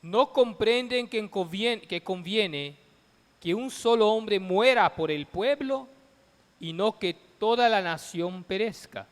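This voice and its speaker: A high-voiced man reads the Gospel at Mass in a solemn, measured way. He speaks slowly, declaiming phrase by phrase with pauses. His voice rings through the long echo of a large church, like a cathedral. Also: animated. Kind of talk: solemn liturgical scripture reading.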